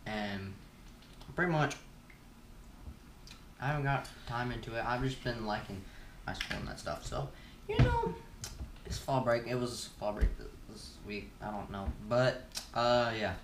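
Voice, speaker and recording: A man's voice: medium pitch, huge pitch swings, a little slow, long pauses, background noise. Rambling teen guy vlogging, gum in mouth. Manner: rambling, laid-back, many fillers. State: chewing gum while talking. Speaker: YouTuber host. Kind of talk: casual Q&A vlog. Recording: roomy echo, from a distance.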